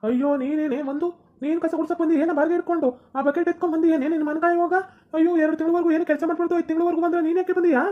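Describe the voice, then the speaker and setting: A woman's voice: very high voice, steady tone, racing, dull audio. A woman voicing a quarrelsome young husband who complains in a North Karnataka Kannada accent. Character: young husband Shankar, hotheaded son.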